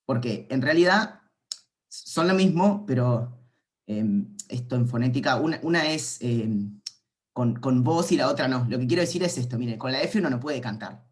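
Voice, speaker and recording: A man's voice: medium pitch, lively intonation, moderate pace. A man, a university calculus lecturer giving an informal online class, playful and rambling as he thinks aloud.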